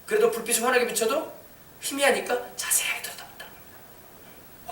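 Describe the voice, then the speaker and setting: A high-voiced pastor delivers a sermon in a church sanctuary. His fairly bright tone rings through the roomy, echoing hall. He stands a little back from the distant mic and throws himself into the quoted lines with rising emphasis.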